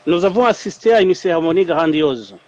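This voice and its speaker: Male interview host with a fairly high voice. He frames long questions with pauses. Slightly muffled audio. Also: animated, a little mellow.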